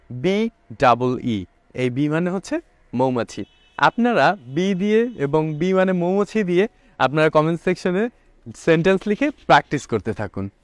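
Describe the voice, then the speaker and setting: A man teaching a video lesson on confusing English words, explaining slowly, repeating points and asking then answering his own questions. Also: fairly high pitch, no echo.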